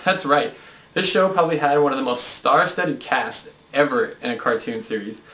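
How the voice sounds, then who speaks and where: A young man hosting a comedic cartoon review, talking in an excited, mock-indignant way. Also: medium pitch, normal speed, roomy sound, poor audio.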